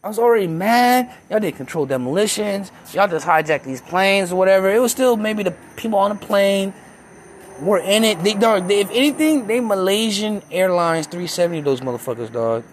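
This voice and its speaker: Young man, high-pitched voice, angry rambling profane monologue, faint vehicle hum behind. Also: lively intonation, fairly quick. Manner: profane, heated, rambling conspiracy talk. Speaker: self-described conspiracy theorist. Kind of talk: casual rant.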